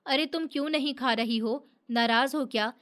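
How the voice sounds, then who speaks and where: A woman's voice: high-pitched, normal speed, fairly bright tone. A woman voicing a grief-stricken middle-aged man who talks in a weary, pleading way.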